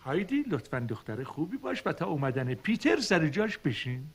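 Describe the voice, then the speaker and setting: A man's voice: on the high side, big pitch swings. A man voicing a kind but firm village schoolteacher in a cartoon dub. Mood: kindly. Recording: hissy old TV dub.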